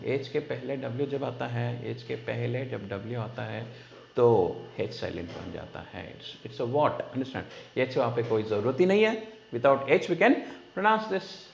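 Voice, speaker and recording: An Indian man gives a very slow, drawn-out classroom lesson with an Indian English accent, stopping often to check that his students understand. His voice bounces around a roomy space. The recording sounds dull and lo-fi. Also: mid-range voice, gravelly. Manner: slow, repetitive, keeps asking "understand?". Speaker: spoken English teacher. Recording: echoey room, dull lo-fi sound.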